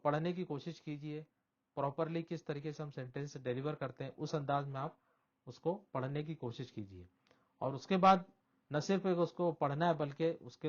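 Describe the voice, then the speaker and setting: Slow-reading teacher, lo-fi sound. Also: male voice, on the high side. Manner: reads English questions slowly, then explains them in Hindi-Urdu. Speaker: English teacher. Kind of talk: bilingual classroom explanation. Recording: dull lo-fi sound.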